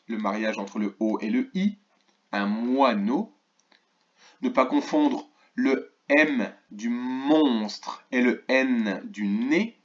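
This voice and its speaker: A man teaching a remote lesson to first graders, slowly and clearly sounding out words and asking the class questions. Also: mid-range voice, dull audio. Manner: slow, clearly articulated, stretches key words; asks questions of an absent class. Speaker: primary school teacher.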